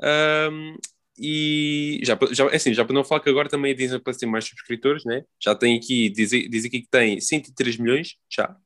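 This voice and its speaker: Halting man with European Portuguese accent, podcast host. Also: mid-range voice, steady tone, fairly bright tone. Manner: informal, halting and circling back over phrases. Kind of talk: casual chat.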